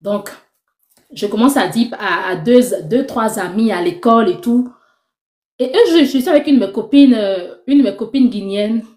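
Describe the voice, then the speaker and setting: A young woman giving a lively personal faith testimony, acting out the conversations she tells. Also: on the high side, moderate pace. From Ivory Coast. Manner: animated storytelling, acting out dialogue. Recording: roomy echo.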